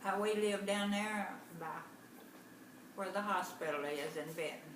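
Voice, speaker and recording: A woman, slowly and haltingly recalling her childhood in a family interview. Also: medium pitch. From Arkansas. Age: 90s. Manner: slow, halting recollection, hard of hearing. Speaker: interviewee, grandmother. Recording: echoey room, far mic, noisy.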